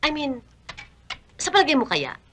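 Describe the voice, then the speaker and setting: A woman's voice: high voice, huge pitch swings, moderate pace, a bit bright, heavily acted. An actress playing a vain, sassy neighborhood woman who mixes English into her Tagalog and scolds theatrically. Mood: coy.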